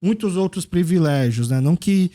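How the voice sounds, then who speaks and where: A man with a Brazilian Portuguese accent, hosting a podcast and reasoning things through in a thoughtful, measured way. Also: high-pitched, animated, mellow. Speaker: podcast host. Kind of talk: casual conversation.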